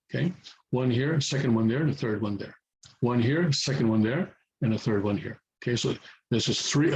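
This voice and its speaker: A native English-speaking man patiently teaches how to read Korean letters in a casual home tutorial, repeating himself and checking in often. His voice is mid-range with a darkish tone, and the low-quality recording picks up passing traffic from a nearby highway.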